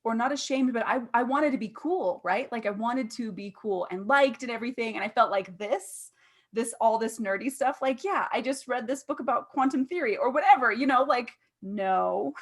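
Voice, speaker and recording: A woman's voice: fairly high pitch, moderate pace. A woman in her thirties hosting a casual interview, chatty and laughing, with many "like"s. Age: 30s. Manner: chatty, laughing, uses "like" often. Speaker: interview host.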